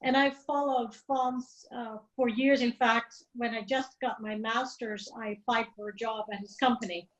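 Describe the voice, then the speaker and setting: A woman from the Netherlands, an intercultural coach, briskly introducing herself on a video call. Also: fairly high pitch, fairly even intonation, highs cut off.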